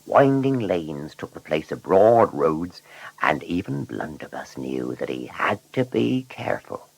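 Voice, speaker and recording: A man narrating a children's story in an animated, scripted storytelling manner. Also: very deep voice, unhurried, creaky, breathy edge, no room sound, low-quality recording.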